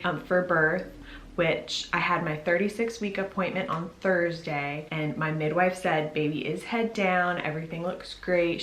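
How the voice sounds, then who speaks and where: Young adult woman, pregnant vlogger, low-ish voice, chatty to camera, roomy echo. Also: a bit bright. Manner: chatty and upbeat, speaks straight to viewers. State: pregnant, a little out of breath. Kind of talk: casual vlog update to camera.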